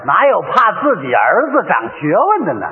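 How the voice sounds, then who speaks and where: A man's voice: high voice, huge pitch swings, normal speed. A man as the straight man in crosstalk comedy, giving short prompting replies with mock indignation. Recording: old tinny radio broadcast with long reverb.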